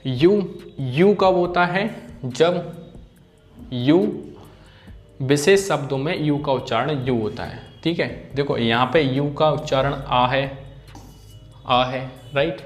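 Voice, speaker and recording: A man's voice: medium pitch, slow, long pauses, soft background music. A man teaching an English phonics lesson, repeating example words and often checking in with his students.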